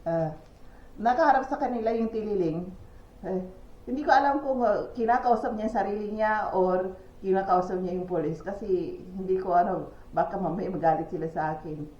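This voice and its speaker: This Filipina vlogger has a mid-range, somewhat dark voice and talks at a normal speed. Outdoors, she chats casually with viewers, sharing gossip and stories punctuated by laughs and exclamations, captured in echoey, dull lo-fi sound with faint ambience.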